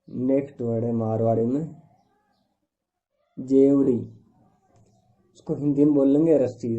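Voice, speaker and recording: A man teaching a vocabulary lesson word by word, giving each word's meaning in plain, repetitive phrases. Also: medium pitch. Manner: slow, repetitive listing of words with translations. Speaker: language teacher. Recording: tinny phone-like recording.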